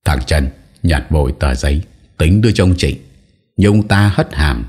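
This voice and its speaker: A man narrates an audio story in a dramatic storytelling style. His voice is deep and husky, and his intonation is lively, rising and falling across each line. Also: normal speed.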